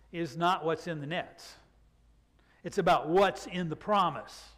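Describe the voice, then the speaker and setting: Older man preaching in a reverberant church. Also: sits high. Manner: reflective, unhurried, with drawn-out emphasis. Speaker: pastor. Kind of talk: sermon. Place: church sanctuary, speaking from the pulpit. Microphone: pulpit microphone.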